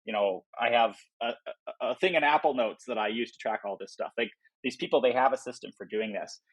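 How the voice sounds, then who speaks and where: In a brisk, mid-range voice that's slightly rough, a software company founder on a podcast explains his product informally. He often voices imaginary quotes as he goes.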